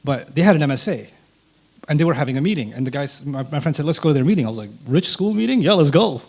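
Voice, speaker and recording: A man whose first language is Urdu appears as an interview guest, animatedly telling a personal story and acting out quoted dialogue. His voice is a little high and creaky, and he talks at a quick pace.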